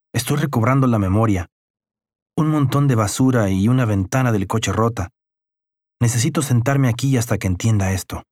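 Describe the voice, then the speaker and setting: A man narrating an audiobook in the first person, with a measured, somber telling. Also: lowish voice, darkish tone, no echo, studio quality.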